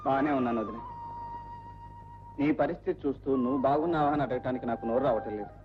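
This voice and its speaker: Actor playing an earnest young son. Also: male voice, medium pitch, fast talker, lightly acted. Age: young adult. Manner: earnest, firm. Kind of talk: Telugu film dialogue. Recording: dull old film soundtrack with music.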